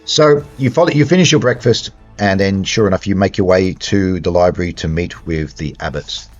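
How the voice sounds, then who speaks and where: A man's voice: low voice, moderate pace, dull audio, soft background music. A man narrating a tabletop horror game as game master, hesitant and full of restarts and ums.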